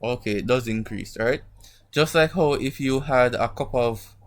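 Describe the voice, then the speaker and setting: Man, mid-pitched, slightly muffled sore-mouthed speech, teacher, informal online lecture, frequent check-in questions. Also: moderate pace. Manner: didactic, frequent check-in tags like "right?" and "okay?". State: sore mouth from an emerging wisdom tooth. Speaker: chemistry teacher. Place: online class over screen share.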